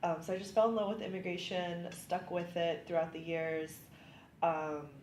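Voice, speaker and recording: A California woman in her thirties, an immigration attorney, chats upbeat in a casual interview, dropping plenty of ums and likes. Her voice is lowish and darkish, with flat delivery at a normal speed. The room echoes, and a faint hiss sits underneath.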